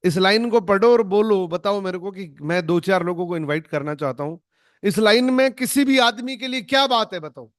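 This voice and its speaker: A man's voice: sits high, normal speed, no echo, studio quality. A man leading an online network marketing training, emphatic and demonstrative, acting out lines to show tone. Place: online video call.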